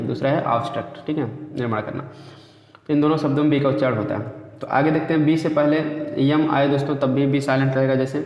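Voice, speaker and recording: A man's voice: mid-range voice, a little mellow. A male teacher giving a lesson, explaining step by step and repeating points, often calling his listeners friends. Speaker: English teacher. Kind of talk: spoken lesson to students. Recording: echoey room, dull lo-fi sound.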